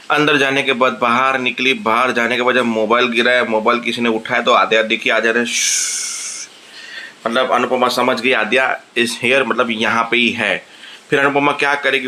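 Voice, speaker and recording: A man giving a casual, animated recap of a TV serial episode, retelling the characters' lines. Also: mid-range voice. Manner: animated retelling of dialogue with laughter.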